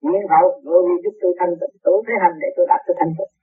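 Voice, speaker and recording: A man's voice: high-pitched, steady tone, very fast, breathy edge, no room sound. A man giving an emphatic, repetitive spiritual sermon to his followers. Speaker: spiritual teacher. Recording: tinny, dry, phone-like lo-fi recording.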